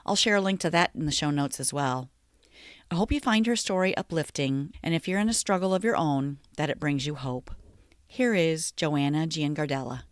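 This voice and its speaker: A woman hosting a podcast interview over a video call, chatting casually and reacting with soft, effusive affirmations. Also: sits low, normal speed. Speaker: podcast host.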